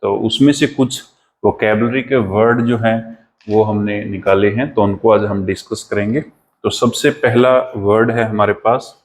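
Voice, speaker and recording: Slow, deliberate Indian male teacher. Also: lowish voice, steady tone, slight background noise, rough recording. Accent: Indian English. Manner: repeats words slowly for pronunciation drills. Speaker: English vocabulary teacher. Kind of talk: classroom lesson, dictating slowly.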